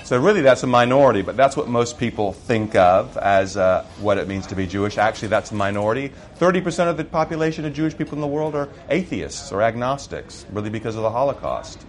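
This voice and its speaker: A middle-aged American man, a missionary, shares his personal testimony in a relaxed storytelling manner, filling it with frequent fillers. His mid-range voice moves quickly with few pauses.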